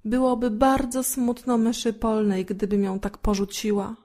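A woman voicing a tiny, tender-hearted girl in a storybook reading, speaking softly and pleadingly, a little above her narrating voice. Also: a little high, flat delivery, normal speed, lightly acted.

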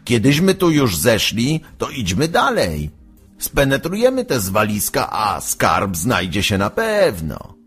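A man voicing a reckless, hot-headed boy who talks loudly and brashly. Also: mid-range voice, wildly swooping pitch, slow, breathy edge, faint music behind, full character voice. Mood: eager. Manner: brash and shouting.

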